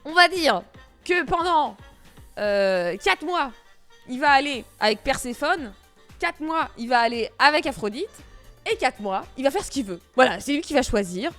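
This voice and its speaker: A woman's voice: high voice, animated, moderate pace, a bit bright, faint music behind. A woman doing a laid-back slangy king of gods. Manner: casual, slangy, peacemaking.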